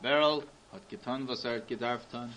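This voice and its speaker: A man's voice: medium pitch, very fast, very noisy. A man, a rabbi and educator, telling a story to young children, quizzing them and slipping in English words. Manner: animated, quizzes the kids, mixes in English.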